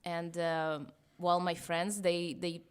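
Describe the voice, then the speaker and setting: Chatty woman, slightly low voice. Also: little pitch movement, slow, clean tone. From born in Russia, raised in Israel. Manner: hesitant, many fillers and restarts. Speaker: podcast host. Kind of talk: casual conversation.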